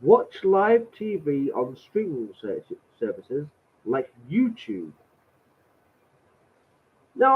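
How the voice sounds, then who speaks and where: A male vlogger with a medium-pitched, slightly rough voice, nasal from a cold, reads a letter aloud. Exasperated, he adds sarcastic remarks and swears, all captured in tinny audio that sounds like a phone.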